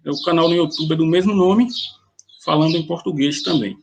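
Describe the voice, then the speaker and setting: Gravelly man teaching a grammar lesson. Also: fairly high pitch, a little fast, background noise. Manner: plain explaining with frequent restarts.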